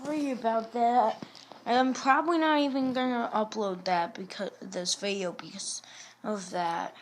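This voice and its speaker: A woman's voice: a little high, steady tone, normal speed. A woman chatting casually and informally to viewers in a rambling amateur vlog, on a homemade recording. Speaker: amateur vlogger. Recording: noisy home recording with clicks.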